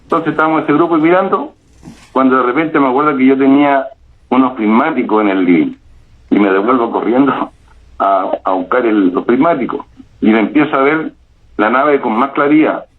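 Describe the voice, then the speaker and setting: A middle-aged man with a Chilean accent, calling in to tell a personal paranormal experience, speaking haltingly with frequent restarts and repetitions. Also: mid-range voice. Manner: halting, repeats himself, many restarts. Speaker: caller telling a paranormal experience. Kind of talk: first-person storytelling. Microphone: phone. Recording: tinny phone line.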